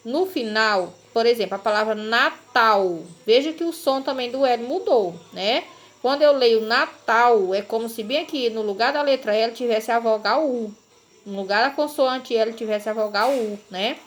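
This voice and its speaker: A woman's voice: a little high, normal speed. A woman teacher, patiently explaining a lesson to children and often checking in with short tag questions. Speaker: primary school teacher. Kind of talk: recorded class lesson for children.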